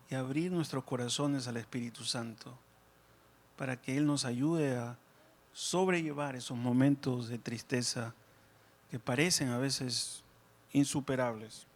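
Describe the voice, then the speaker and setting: A man speaking as a priest at Mass, in a measured, solemn way with pauses between short phrases. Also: medium pitch. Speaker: priest preaching and leading prayers at Mass. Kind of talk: sermon and liturgical prayer. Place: church during Mass.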